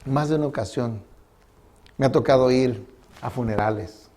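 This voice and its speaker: A man's voice: mid-range voice, normal speed, warm tone. A man preaching a sermon as pastor, asking the congregation questions and acting out quotes.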